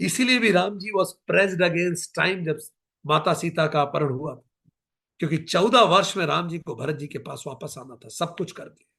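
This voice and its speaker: High, gravelly-voiced man giving a scripture discourse. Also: pushed and bright. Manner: recites verses slowly, mixes English phrases into Hindi. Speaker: spiritual discourse speaker.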